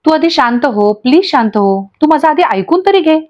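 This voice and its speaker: A woman's voice: sits high, expressive, moderate pace, a little mellow, lo-fi sound. Jeeva, a firm young husband, read by a woman. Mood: firm, soothing. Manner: soothing, then firm and insistent. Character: steady young husband calming his wife.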